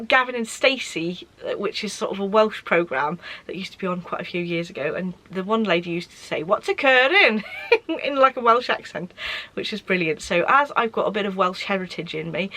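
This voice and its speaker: A woman's voice: medium pitch, sharp tone, rough recording. A woman hosting a craft podcast, chatting casually with frequent filler words. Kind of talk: casual chat.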